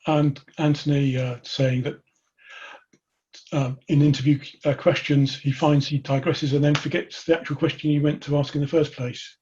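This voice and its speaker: A man's voice: fairly high pitch, level tone, normal speed, a little mellow, muffled recording, slight background noise. A man co-hosting an online workshop, passing on questions from the chat in a hesitant way with many fillers.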